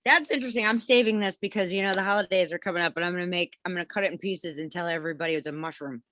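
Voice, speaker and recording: A woman who is a guest in a casual food-tasting chat, animated and laughing as she tells stories. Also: on the low side, rapid-fire, slight background noise. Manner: animated storyteller, laughs while telling.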